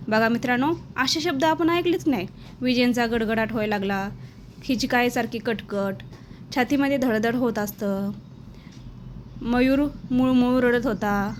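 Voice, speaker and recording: A woman teacher giving an exam-prep lesson, reading out word pairs one by one in a slow, clear dictation. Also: on the high side, a little hiss or hum.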